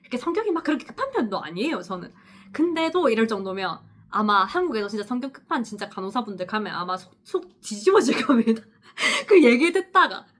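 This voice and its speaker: Talking fast in a sing-song voice on the high side, the nurse from Busan, South Korea, tells lengthy stories in her casual vlog. She laughs a lot and acts out whoever she's quoting.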